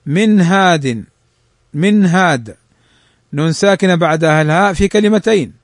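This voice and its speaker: A man teaching the rules of Quran recitation. He reads the rules quickly and draws the examples out slowly. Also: high voice, no room sound, clean studio sound. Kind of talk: tajweed lesson explaining a text.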